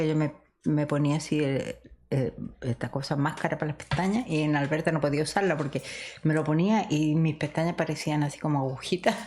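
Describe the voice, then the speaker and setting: A middle-aged woman from Chile, co-hosting a podcast and telling stories of her past in a reflective, conversational way, laughing often. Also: sits low. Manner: warm, reminiscing, laughs often. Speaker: podcast co-host.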